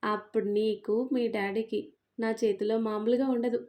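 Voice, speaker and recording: A woman's voice: a little high, level tone, normal speed, natural voice. A woman voicing a middle-aged mother who scolds with sarcasm but stays loving. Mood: sarcastic. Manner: sharp-tongued and sarcastic, then fond.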